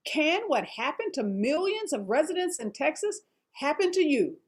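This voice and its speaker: A woman's voice: sits high, very animated, moderate pace. An American woman hosting a news-style talk show, presenting reports and questioning guests. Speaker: host. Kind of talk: scripted news-style narration and panel hosting.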